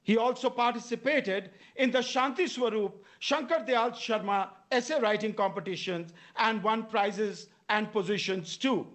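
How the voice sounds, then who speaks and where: High-pitched young-sounding Indian male announcer, formal. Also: a bit bright. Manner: formal, measured, reading out biographies. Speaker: master of ceremonies introducing debate judges and speakers. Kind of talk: formal scripted announcement at a school debate.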